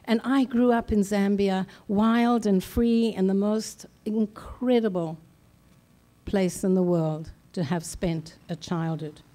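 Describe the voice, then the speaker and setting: An older woman from South Africa giving a slow, deliberate personal speech at a conference, with measured, solemn pauses. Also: mid-range voice, fairly even intonation, warm tone. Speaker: conference speaker. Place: large conference hall.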